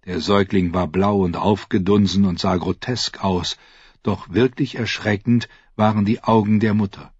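A man reading a fantasy novel aloud with dramatic, expressive narration. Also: fairly low pitch, normal speed, husky, no room sound. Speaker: audiobook narrator. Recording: dry, slightly dull audiobook recording.

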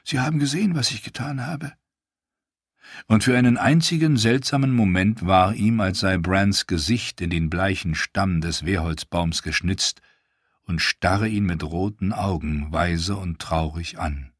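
A man reading an audiobook in a measured, grave manner. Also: deep voice, no echo, studio quality. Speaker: audiobook narrator.

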